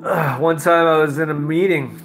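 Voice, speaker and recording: A man preaching in a live-stream sermon, telling his testimony with frequent laughter and emotional, animated delivery. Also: a little high, moderate pace, faint music behind.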